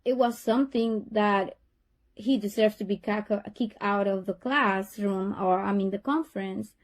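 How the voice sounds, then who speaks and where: A middle-aged Honduran woman with a Honduran Spanish accent speaks earnestly to her child's teacher during a tense call, often repeating and restarting her words. Her voice is medium-pitched and unhurried.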